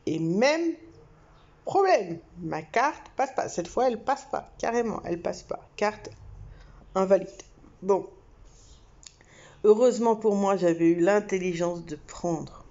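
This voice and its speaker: Speaking to camera in a muffled recording, a young adult woman from France tells a story in a lowish voice. Her vlog delivery is chatty and animated, peppered with fillers and laughs.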